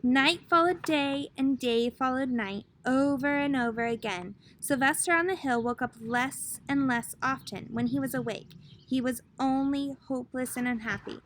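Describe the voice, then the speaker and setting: A woman with a high-pitched voice reads a children's picture book aloud with lots of expression, like a teacher talking to young kids. She pauses to ask her little listeners questions, and there's slight background noise.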